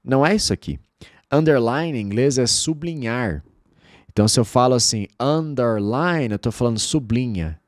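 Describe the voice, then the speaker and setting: A man whose first language is Portuguese, teaching English in an online lesson and drawing out model words slowly so that learners can repeat them. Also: medium pitch, lively intonation, no echo, studio quality.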